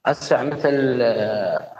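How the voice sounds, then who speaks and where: A man's voice: mid-range voice, slow, darkish tone, lo-fi sound. Iraqi man sounding distant, phone held away. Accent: Iraqi Arabic. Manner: speaks briefly in dialect, checks he is heard. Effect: distant voice, as from a phone held away from the mouth. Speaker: panel participant. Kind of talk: remote discussion call. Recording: echoey call audio with faint noise.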